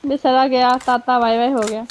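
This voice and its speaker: A young woman gamer with a fairly high voice talks fast and teasingly while playing, breaking into excited shouts. A faint hiss of noise sits under her voice. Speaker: gamer streamer. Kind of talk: casual gaming chat.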